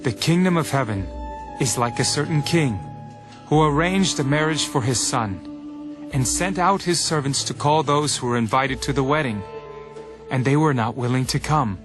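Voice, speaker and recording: An actor playing Jesus in a scripture audio drama, a teacher speaking parables with solemn, measured authority. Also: male voice, medium pitch, close to an everyday voice. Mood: measured storytelling. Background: music.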